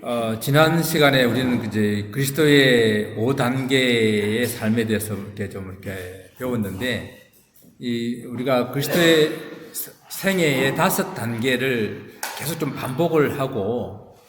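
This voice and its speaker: A man as a pastor leading a casual Bible study, relaxed and rambling with many fillers and restarts. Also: medium pitch, measured pace, a little hiss or hum. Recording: echoey room with long reverb.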